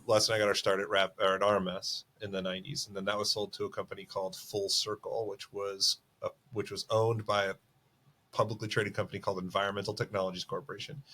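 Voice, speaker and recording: Laughing, chatty low-voiced man. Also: level tone, fast, pushed and bright, slightly rough. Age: middle-aged. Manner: chatty, self-mocking, laughs often. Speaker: podcast co-host. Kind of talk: casual business podcast chat.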